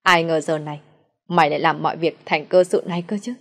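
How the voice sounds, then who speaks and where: A woman with a low voice reading the lines of an angry middle-aged mother who scolds her son. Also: fairly even intonation, brisk. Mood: furious.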